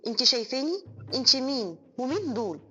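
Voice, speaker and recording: A woman's voice: fairly high pitch, expressive, rapid-fire, fairly bright tone, slightly rough, soft background music. A woman voicing a bewildered young Egyptian man. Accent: Egyptian Arabic. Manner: startled questioning. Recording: dull lo-fi audio.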